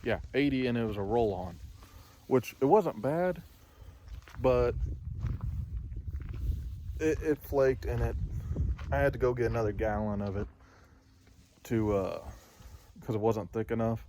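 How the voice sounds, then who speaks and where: A man's voice: medium pitch, unhurried, pauses often, warm tone, slight background noise. A man filming a casual how-to vlog outdoors by his truck, rambling and correcting himself as he talks plainly about the job. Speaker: vlogger.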